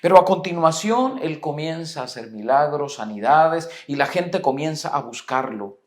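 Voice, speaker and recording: Un pastor colombiano predica un sermón con acento colombiano, con calma, haciendo preguntas retóricas y leyendo las Escrituras en voz alta. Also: male voice, fairly high pitch. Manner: measured preaching with rhetorical questions, reads scripture aloud. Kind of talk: sermon. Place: church. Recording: echoey church hall.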